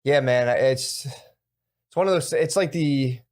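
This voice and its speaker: A man's voice: medium pitch, takes it slowly, a little mellow. A man co-hosting a podcast in casual, crude banter, rambling and acting out quoted people. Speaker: podcast co-host.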